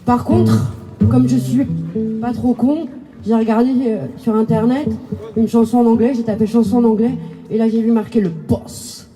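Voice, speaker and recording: A woman's voice: fairly high pitch, normal speed, over music. A woman singer from Spain with a Spanish accent, joking and mocking herself in casual banter at a live concert. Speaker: singer on stage.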